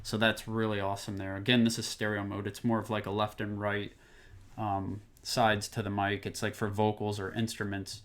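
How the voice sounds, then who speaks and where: At home, a tech reviewer runs a casual microphone test as a product demo, rambling easily with lots of fillers. His voice is fairly low, a bit bright, completely flat, and at normal speed, and his distance from the condenser desk mic keeps changing as he moves closer and farther.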